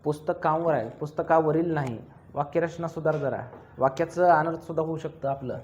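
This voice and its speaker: High-voiced teacher drilling a class. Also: male voice, steady tone, fairly quick, a little mellow, lo-fi sound, slight background noise. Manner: asks the class constant questions, teasing and drilling. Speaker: accounts teacher. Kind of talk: classroom lecture.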